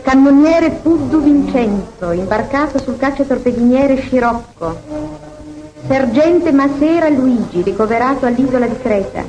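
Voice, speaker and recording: A woman's voice: high voice, lively intonation, unhurried, highs cut off. A woman announcing in a formal, declamatory old 1940s newsreel style. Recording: echoing archive newsreel over loud music.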